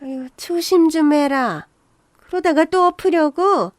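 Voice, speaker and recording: A woman's voice: high voice, unhurried, no room sound, clean studio sound. Woman voicing a harsh, nagging old mother-in-law. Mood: scolding. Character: bossy scolding older mother-in-law.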